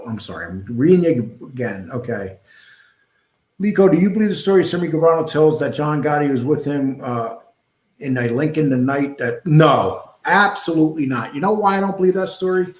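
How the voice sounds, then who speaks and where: A man's voice: medium pitch, animated, brisk, a little mellow. A middle-aged man from New hosts a casual live stream, rambling and reading chat with frequent ums and uhs. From New York. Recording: echoey room.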